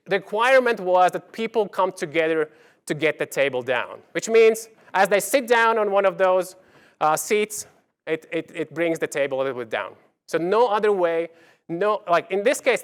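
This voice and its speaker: Man, somewhat high pitch, keynote speaker in front of an audience, emphatic key words, halting phrasing. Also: a bit bright, clean tone. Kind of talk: conference keynote presentation with slides.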